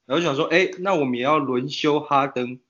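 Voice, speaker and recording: A man's voice: on the high side, a little fast, a bit bright. A male sports panelist talks casually. He comes across as playful and ready to poke fun at himself. The recording sounds a touch muffled.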